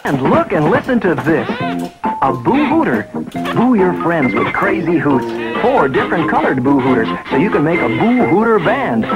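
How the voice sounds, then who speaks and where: A man's voice: on the high side, sing-song, normal speed. A man announcing an old TV commercial in an upbeat scripted read. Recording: dull old TV ad, loud music.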